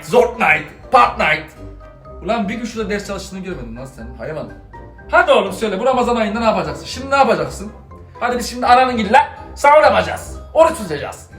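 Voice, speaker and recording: A man's voice: very high voice, fairly bright tone, heavily acted. A man playing a stern, preachy middle-aged father who scolds his grown son in an exasperated, moralizing way. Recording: echoey room, faint music behind.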